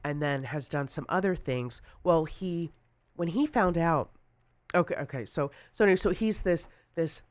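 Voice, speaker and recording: A man in his forties, a guest on a talk show, chatting casually and telling animated stories. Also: fairly high pitch, normal speed, no echo. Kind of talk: casual chat.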